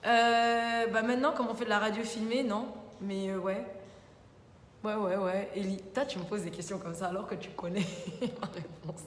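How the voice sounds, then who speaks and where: A young adult woman, a TV columnist, hosts a casual live Q&A, reading viewer comments and chatting informally with lots of repeated little interjections. Her mid-range voice is steady in tone and moves at a normal speed. The studio sounds roomy with reverb, and faint background noise is present.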